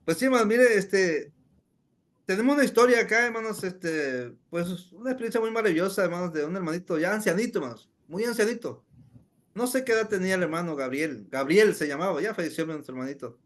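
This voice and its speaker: A man with a rather high voice recounts a testimony to his listeners. He speaks as an evangelist, keeps addressing them as brothers, and fills his pauses with "este". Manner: keeps calling listeners "hermanos", many "este" fillers. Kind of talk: storytelling testimony to a congregation.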